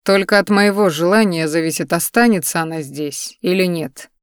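A woman reading a storybook voices a cold, domineering man who owns the flat, slow and clipped in his commands. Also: fairly low pitch, smooth, no room sound, clean studio sound, close to an everyday voice.

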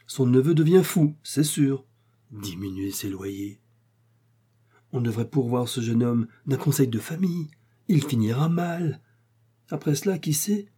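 A man's voice: moderate pace, warm tone, husky. A man doing a flustered, stammering old concierge. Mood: fretful muttering. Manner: stammering, pleading, raised pitch. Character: flustered middle-aged male concierge, servile and shocked. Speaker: character in a read story. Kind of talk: audiobook character reading.

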